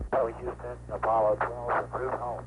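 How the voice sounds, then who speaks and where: A man, an astronaut, speaking briskly and matter-of-factly over a distant space radio transmission. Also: mid-range voice, flat delivery, phone-quality sound. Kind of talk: mission radio exchange. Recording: noisy archival radio link.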